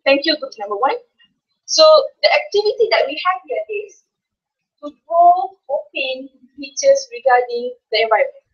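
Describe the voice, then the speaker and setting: High-voiced woman leading a class activity. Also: lively intonation. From Malaysia. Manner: slow, clear, instructing. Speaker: teacher presenting a workshop. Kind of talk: classroom demonstration. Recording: dull lo-fi classroom recording.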